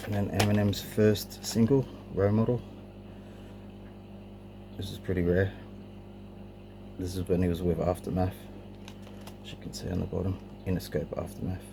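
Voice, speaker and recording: This middle-aged man's voice sits low and steady, moving at a moderate pace with frequent pauses. He casually shows his cassette collection without a script, a bit hesitantly, and the amateur camera recording has obvious noise.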